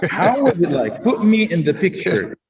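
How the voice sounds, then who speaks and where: Man from Egypt, host, measured interviewer, distant mic, long reverb. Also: high-pitched, very animated, a loud crowd. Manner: measured, slow reading with restarts. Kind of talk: introducing guests and interviewing.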